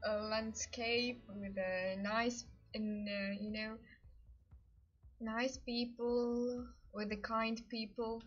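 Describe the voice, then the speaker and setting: Chatting casually with livestream viewers, a woman from Ukraine giggles and hesitates through her non-native English, her Eastern European accent clear. Her voice is on the high side with little pitch movement, and she takes things slowly. Music plays behind dull, lo-fi stream audio.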